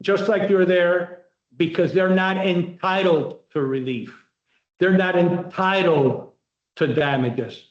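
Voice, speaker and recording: Male law lecturer, high-pitched, direct and repetitive coaching style; roomy, slightly muffled recording. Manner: varies pace, slowing sharply for emphasis. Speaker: law lecturer coaching moot court students.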